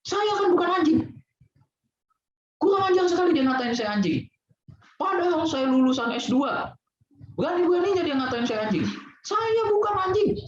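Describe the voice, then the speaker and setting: A man's voice: very high-pitched, distant mic, pitched above the performer's own voice. A man voicing an indignant, self-important official who is offended by an insult, in a pompous, outraged manner, recorded in a very echoey hall on dull lo-fi sound.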